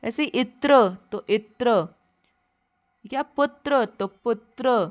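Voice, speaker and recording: A woman teacher, taking young children patiently through a workbook lesson and repeating each word slowly. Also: a little high, no room sound, clean studio sound.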